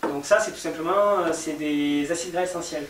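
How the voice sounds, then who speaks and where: A patient French cosmetics maker is interviewed, his voice a little high and his pace moderate. He explains things step by step, using lots of fillers. The recording comes from an echoey room with a distant mic and a faint hiss.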